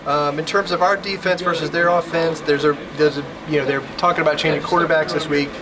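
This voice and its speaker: A man breaking down a football matchup in casual, measured talk. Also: a little high, steady tone. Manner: measured, analytical, with fillers. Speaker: football podcast co-host. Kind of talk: casual sports analysis. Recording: live show with crowd behind. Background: crowd noise.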